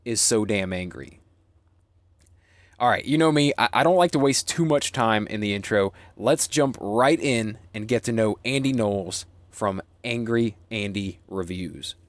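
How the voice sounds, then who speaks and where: A man's voice: fairly low pitch, no echo. A man hosting a podcast in casual chat, rambling and joking at his own expense. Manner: rambling, joking, self-deprecating. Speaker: podcast host.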